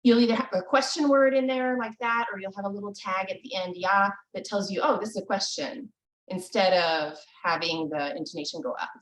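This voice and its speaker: A woman teaching a language lesson over a video call, patient and encouraging, often pausing with ums. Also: mid-range voice. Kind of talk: live online language lesson. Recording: echoey, distant video call audio.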